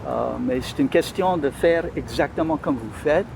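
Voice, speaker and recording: His voice is a little high, with vocal fry, at normal speed over a noisy background. He's a Louisiana French-accented interview guest in a conversational exchange, often pausing to search for words.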